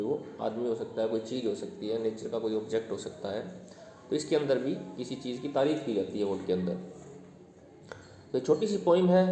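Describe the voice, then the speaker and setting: A man gives a classroom lecture, explaining patiently and quizzing students with questions. His voice is mid-range and warm. The classroom has long, echoing reverb and slight background noise.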